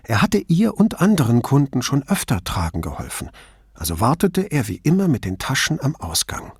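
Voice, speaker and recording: A man narrating an audiobook in an expressive, scripted reading on a close microphone. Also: mid-range voice, moderate pace, slightly rough, no echo.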